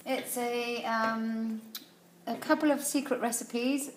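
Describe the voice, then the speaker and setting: A woman's voice: on the high side, fairly even intonation, slow. A mother cooking in her home kitchen, chatting with her daughter in a playful, teasing, coy way. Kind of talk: casual home video chat. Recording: echoey room with faint noise.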